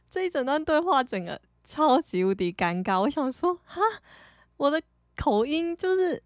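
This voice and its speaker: A young woman from Taiwan with a Taiwanese Mandarin accent, hosting a podcast and telling stories casually, chatty and animated, laughing often. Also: sits high, measured pace, no echo, clean studio sound. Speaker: podcast host. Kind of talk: casual storytelling monologue.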